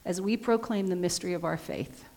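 A woman pastor leading a communion liturgy in a solemn, measured way, her voice ringing with a cathedral echo in a church sanctuary. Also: on the low side, vocal fry, crowd noise. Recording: long church reverb.

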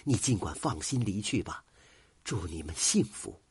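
A wise middle-aged woman who talks low and quiet, as a storyteller puts her on. The tone is soft and a touch husky. It is close and dry. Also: sing-song, moderate pace, no room sound, full character voice. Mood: calm.

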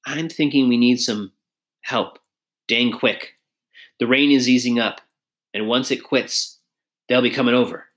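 A man's voice: medium pitch, fairly even intonation, unhurried, long pauses, fairly bright tone, close to an everyday voice. A man voicing a short, shy frontier soldier who talks in an anxious, folksy way.

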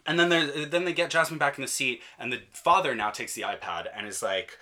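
A man's voice: medium pitch, brisk, bright, forceful tone. A man telling a comic grievance story to friends on a podcast with dry, sardonic, mock-courtroom timing.

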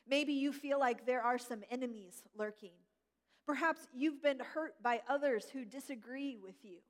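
A middle-aged woman pastor delivers a gentle, reflective sermon in a high, light voice. She slows down to lean on key words. Her voice carries a long reverb tail, as in a large church hall.

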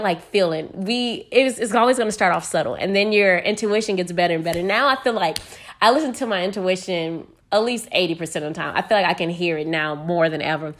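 A young American woman hosting a casual solo podcast, talking frankly and energetically with plenty of profanity. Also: medium pitch. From United States. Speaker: podcast host.

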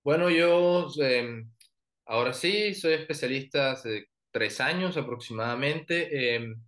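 Orthodontist guest, man, Colombian coastal accent, easygoing, halting delivery, mid pitch. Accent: Colombian Caribbean coast. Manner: relaxed, frequent fillers and restarts. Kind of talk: professional interview and presentation.

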